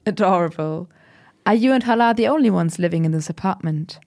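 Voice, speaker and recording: Actress as friendly interviewer woman, super animated pitch, curious n encouraging, chatty audio drama style. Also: fairly quick, vocal fry. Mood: sweet, friendly. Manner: encouraging, expressive questioning. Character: friendly, curious female oral-history interviewer. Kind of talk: conversational interview acting.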